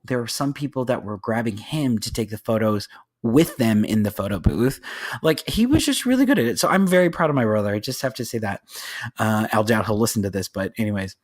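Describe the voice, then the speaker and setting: Man in his thirties, podcast host, chatty storytelling, acts out voices. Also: lowish voice. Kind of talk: casual storytelling chat.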